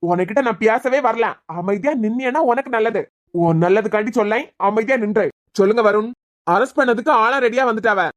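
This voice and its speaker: In this cartoon voice-acting clip, a woman with a Kanyakumari Tamil accent plays a stern young male doctor who scolds and interrogates. Her fairly high voice is brisk and lightly acted, and the mood is pressing.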